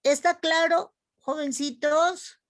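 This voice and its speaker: A woman teaching a class, explaining slowly and warmly addressing her students as young ones. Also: sits high, steady tone, no echo, studio quality. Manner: slow, explanatory, calls students "jovencitos". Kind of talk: online class lecture.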